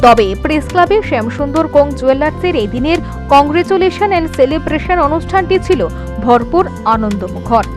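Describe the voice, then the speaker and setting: Very high, lively woman news narrator. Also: normal speed, music in the background. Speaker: news reporter.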